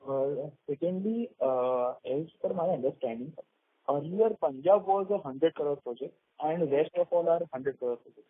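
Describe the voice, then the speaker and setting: Casting: man dialed into a conference call, a bit husky and higher-pitched, methodical and probing, tinny phone sound. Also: dry recording. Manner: methodical, probing, lists points one by one. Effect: phone-line audio of a conference call. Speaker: investor asking questions on an earnings call.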